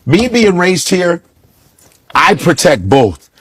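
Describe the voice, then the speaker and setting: A man's voice: high voice, big pitch swings, takes it slowly, a bit bright, husky. An American man, a comedian guest, telling stories in casual, profane podcast chat and slipping into mimicked accents. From United States.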